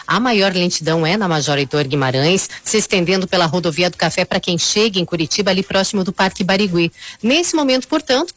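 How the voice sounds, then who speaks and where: A female radio traffic reporter speaks at a medium pitch. Her live report has a dry sound, free of room echo.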